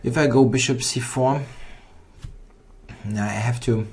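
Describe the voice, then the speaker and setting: A man giving live think-aloud chess commentary on his own blitz game, halting and muttering to himself as he thinks. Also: medium pitch, a little mellow, a little hiss or hum.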